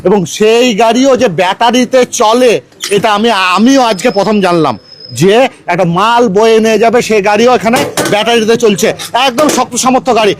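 A man's voice: sits high, brisk. A man with a West Bengal Bengali accent presenting a promotional live video, announcing offers in a salesy way and repeating key phrases. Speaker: on-location presenter and interviewer.

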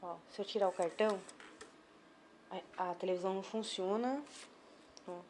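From a hospital room, a vlogger and mother with a Brazilian Portuguese accent holds a casual chat with viewers and her child. Her medium-pitched voice has a darkish tone, fairly even intonation and a normal pace, caught on a noisy phone recording.

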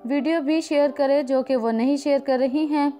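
A woman narrating an entertainment news report in a steady, matter-of-fact way. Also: high voice, normal speed, faint music behind.

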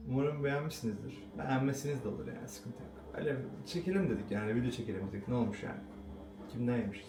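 A man's voice: mid-range voice, reverberant, background noise. A young man vlogging casually at home, joking around and scolding his cat in slangy talk. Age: young adult. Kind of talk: casual vlog chat. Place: small home indoors.

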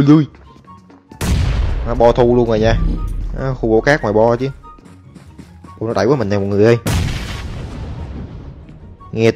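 Excitable male game commentator. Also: on the low side. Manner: excitable, chatty, talks to viewers, taunts enemies. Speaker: gaming streamer. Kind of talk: live gameplay commentary. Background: game music and gunfire.

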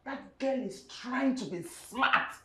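A woman's voice: slow pace, bright, forceful tone, reverberant. An actress with a Nigerian accent playing a scornful, scheming mother who scolds harshly. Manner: scornful, scolding, sudden pitch jumps.

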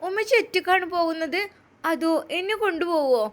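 A woman's voice: extremely high pitch, brisk, pitched above the performer's own voice. A woman voicing a small curious girl with a Malappuram accent, asking eager questions. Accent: Malappuram Malayalam. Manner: excited, questioning.

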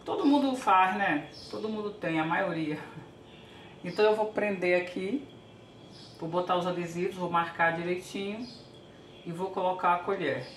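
An older Brazilian woman, a home vlogger, casually narrates a how-to while working in her kitchen, chatty and thinking aloud. Her voice is lowish at a moderate pace, and the recording has an echoey kitchen sound with faint background hiss.

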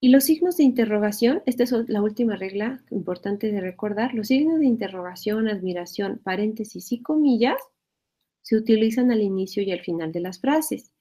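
A woman's voice: mid-range voice, expressive, moderate pace, mellow. A woman teaching a spelling lesson, explaining patiently, repeating phrases and checking in with her students.

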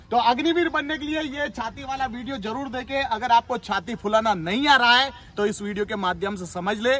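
A young man coaching army recruits in an instructional video, giving brisk commands and teasing them as he drills. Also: extremely high pitch, bright, forceful tone. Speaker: army recruitment physical trainer.

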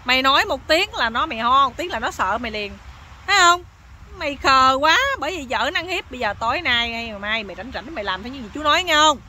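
A nosy older village uncle, put on by a woman telling a story, who scolds and exclaims in a Southern Vietnamese accent. The voice is high and bright, with a forceful edge. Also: animated, fast talker, a little hiss or hum, full character voice. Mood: scolding.

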